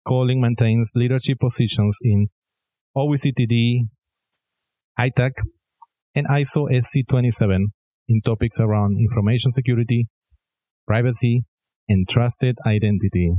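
Male podcast host, warm mellow tone, dry close sound, measured and formal. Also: medium pitch, fairly even intonation, dry recording. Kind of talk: scripted introduction and interview.

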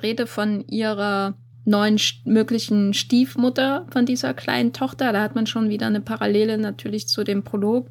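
Chatty woman podcast co-host. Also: medium pitch. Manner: chatty, hesitant with fillers and restarts. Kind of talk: casual film discussion.

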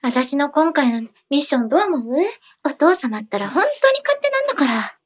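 A woman's voice: high voice, big pitch swings, normal speed. A woman voicing a naive, sheltered young alien princess in an improvised radio comedy sketch. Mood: curious. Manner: breathless girlish questions.

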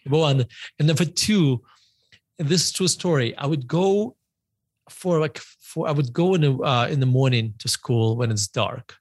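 A man's voice: mid-range voice, moderate pace, no echo. Rambling Russian-born man, guest author. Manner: rambling, self-correcting, repeats words. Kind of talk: podcast interview.

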